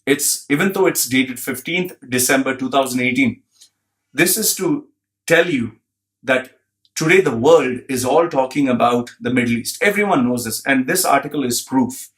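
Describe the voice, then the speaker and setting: A man's voice: medium pitch, normal speed, a bit bright. Blunt, profane man ranting. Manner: blunt, profane, emphatic, repeats phrases. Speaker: commentator. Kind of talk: ranting commentary and reading out an article.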